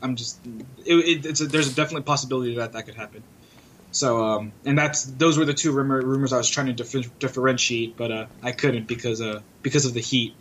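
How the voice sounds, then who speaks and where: A hungover man talks casually on an esports podcast panel. His mid-pitched voice stumbles and restarts as he goes. There is faint noise and low rumble behind him. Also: steady tone, fairly bright tone. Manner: halting, restarting sentences, swearing. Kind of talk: casual chat.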